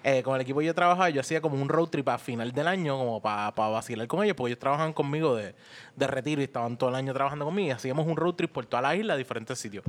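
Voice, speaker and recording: Lively Puerto Rican man telling stories. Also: on the high side. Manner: animated, laughing, acts out voices in anecdotes. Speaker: podcast co-host. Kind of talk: casual storytelling chat.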